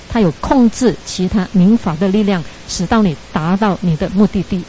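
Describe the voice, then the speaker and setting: A woman's voice: mid-range voice, warm tone, a little hiss or hum, rough recording. A woman giving a Buddhist dharma talk as a meditation teacher, telling a story in a chatty way, ending phrases with tag particles and laughing at her own slips.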